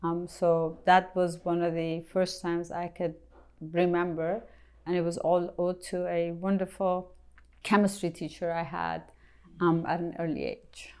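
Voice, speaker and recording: A middle-aged woman from Iran, a company president answering interview questions thoughtfully, pausing often with ums. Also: lowish voice, little pitch movement, darkish tone, smooth. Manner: thoughtful, hesitant with many ums.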